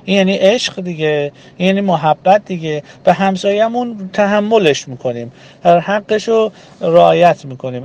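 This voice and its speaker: A man giving an earnest religious talk to a group, speaking in rhythmic lists with frequent pauses. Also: high-pitched, darkish tone.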